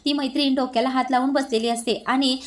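A woman's voice: high-pitched, steady tone, fast. A woman recapping a TV serial episode, retelling the scenes casually with fillers.

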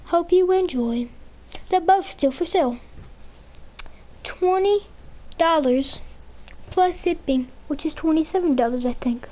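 A high-pitched female gamer with a Southern US accent talks slowly over her gameplay. She rambles and repeats the same silly words again and again, with faint room noise behind her. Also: dark tone. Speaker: gaming channel host. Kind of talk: casual gameplay commentary.

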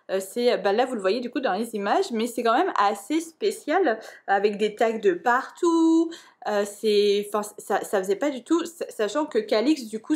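A young woman chatting casually in a book vlog, full of fillers and restarts. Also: a little high. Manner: hesitant, many fillers and restarts. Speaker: book vlogger.

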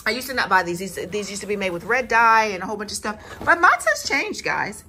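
A woman's voice: mid-range voice, a little fast. Chatty woman filming her grocery haul. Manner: chatty, animated, talks straight to viewers. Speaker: family vlogger. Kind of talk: casual grocery haul vlog. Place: home kitchen, indoors. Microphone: phone camera held close.

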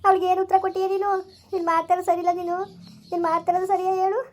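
A woman's voice: very high-pitched, level tone, racing. A woman acting a village mother who pleads with and scolds her soldier son. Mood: pleading. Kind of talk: village family drama acting.

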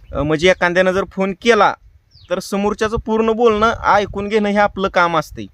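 A man's voice sits high and a bit bright, with a clean tone and a dry recording. He has a rural Maharashtra Marathi accent and hosts a prank call show, chatting casually to his viewers with colloquial tag phrases.

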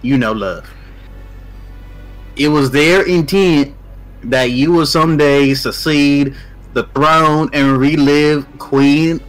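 A man's voice: on the high side, slow, pauses often, soft background music, rough recording. A man voicing a scheming young man who taunts a princess in a casual fan voice-over of a game scene, stumbling over words and laughing through lines. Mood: mocking.

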